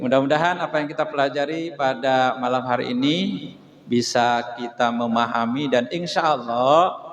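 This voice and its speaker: A man's voice: fairly high pitch, fairly bright tone. A man teaching a Quran tajwid lesson, drilling syllables over and over for a group to repeat. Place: mosque hall. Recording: echoey mosque hall.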